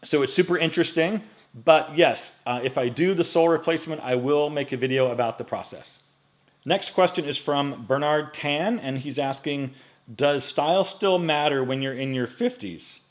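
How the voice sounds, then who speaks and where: A slightly high voice at normal speed belongs to a men's style YouTuber in his late forties. Recording on a mic in front of him in his home studio, he casually answers viewer questions, chatty and relaxed with many fillers.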